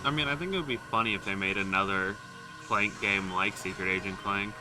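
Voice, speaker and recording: A man's voice: fairly low pitch, brisk. A man talking in a casual, offhand way as he streams a video game. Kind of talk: casual chat while gaming. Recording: clear game music behind voice.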